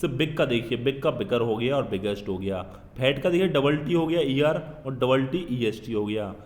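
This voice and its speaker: A man teaches grammar to young pupils in a patient, fatherly way, with an Indian English accent. He slows down to read the English rules aloud word by word. His voice rings in a bare room with a long echo. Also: mid-range voice, expressive. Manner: addresses pupils as children, fatherly. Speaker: school teacher. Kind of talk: recorded grammar lesson. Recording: echoey room with long reverb.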